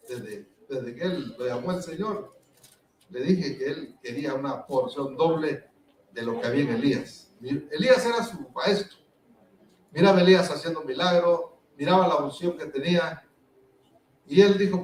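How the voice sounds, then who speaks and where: A man's voice: a little high, animated, normal speed, a little mellow, slight background noise. A man preaching a sermon as pastor, acting out the scripture with dramatic emphasis. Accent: Latin American Spanish. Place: church hall. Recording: echoey church from a distance.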